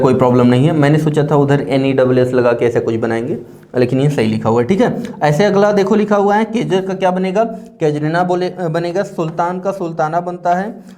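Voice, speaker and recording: A man's voice: fairly high pitch, dark tone. A male teacher giving a patient exam-prep grammar lesson and often checking understanding. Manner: explains patiently, often checks with "theek hai".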